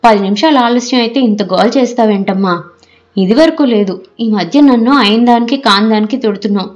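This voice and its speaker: A woman's voice: a little high, brisk, highs cut off, lightly acted. A woman doing a hurt young college girl. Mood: plaintive. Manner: plaintive, protesting. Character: hurt teenage college girl, pleading with her mother.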